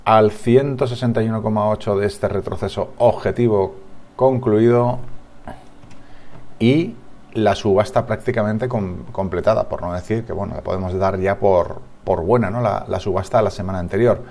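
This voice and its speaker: A man's voice: lowish voice, moderate pace, dark tone. A man with a Spanish accent from Spain, giving a market analysis over charts as a trading analyst, thinking aloud with frequent restarts and tag questions.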